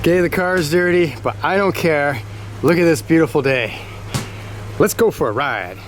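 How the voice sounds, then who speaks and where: A man's voice: on the high side, normal speed. Chatty man reviewing his car outdoors. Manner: chatty and enthusiastic, talking to camera. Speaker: car channel host. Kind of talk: casual car review vlog. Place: in and around a car, outdoors and driving. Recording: distant camera mic with loud engine and road noise. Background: engine and road noise.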